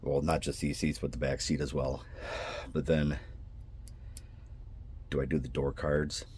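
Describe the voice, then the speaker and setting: The speaker is a man with a son, hosting a hobby vlog on scale model building. His very deep voice is flat, a little slow and a little mellow, and there's a bit of hiss or hum. Congested and nasal from sinus trouble, with a twang, he rambles apologetically and restarts his sentences.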